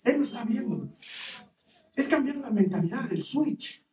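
High-voiced preacher in an echoey hall. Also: male voice, unhurried, far from the mic. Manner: animated, acts out quoted voices. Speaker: pastor. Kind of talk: sermon. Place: church hall. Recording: roomy church hall, mic from afar, faint noise.

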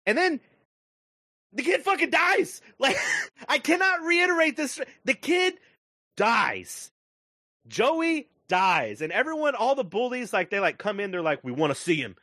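A man co-hosting a casual movie review podcast, retelling a plot with profane, excitable energy. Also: measured pace, no echo, clean studio sound. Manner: profane, excitable storytelling with big pitch swings. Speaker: podcast co-host.

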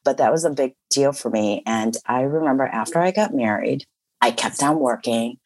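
A woman's voice: very deep voice, moderate pace, darkish tone, no echo. A woman from the Chicago area in casual conversation, talking reflectively in a chatty way with many fillers. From Chicago area, USA.

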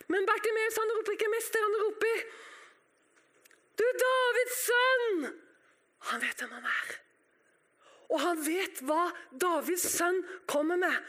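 A woman preaching a sermon to her congregation, impassioned and dramatic, swinging from loud cries to hushed whispers. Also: very high voice.

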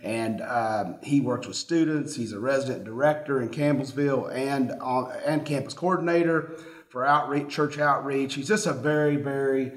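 Encouraging pastor hosting, roomy echo. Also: male voice, mid-range voice, moderate pace. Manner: warm, encouraging, preacherly. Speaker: pastor and host. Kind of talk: church talk show.

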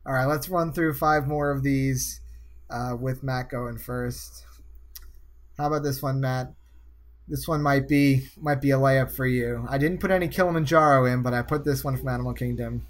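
A man from the Northeast US hosting a casual podcast trivia game, chatty and quick to laugh. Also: medium pitch, fairly even intonation. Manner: chatty, laughing, quotes lines in slow put-on voices. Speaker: trivia host.

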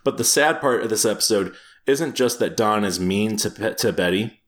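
A man co-hosting a podcast, talking in casual chat. His voice sits a little low, and he keeps breaking into laughter as he rambles along with fillers and restarts. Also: normal speed. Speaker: podcast co-host.

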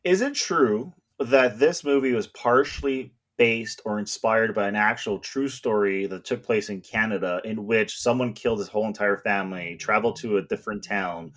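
A man's voice: lowish voice, moderate pace, few pauses, a bit bright. Enthusiastic rambling man discussing films. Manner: enthusiastic, rambling with many fillers. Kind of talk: casual film discussion.

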